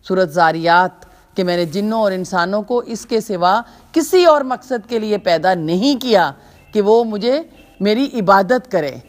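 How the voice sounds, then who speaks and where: A woman giving an Islamic lecture to young women. She talks in an emphatic, preacherly way, with rhetorical questions, repeated phrases and long spoken lists. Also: medium pitch.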